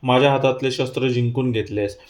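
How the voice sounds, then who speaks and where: A man reading the lines of a kindly, commanding male god in a devotional story, speaking in a gentle, fatherly way. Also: mid-range voice, steady tone, a little fast, lightly acted.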